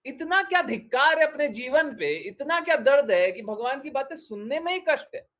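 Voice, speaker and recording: High-voiced man giving a devotional talk. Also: sing-song, normal speed, a bit bright. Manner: exhorting, repeats short commands, asks the listeners questions. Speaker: spiritual teacher. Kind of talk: Hindi devotional discourse.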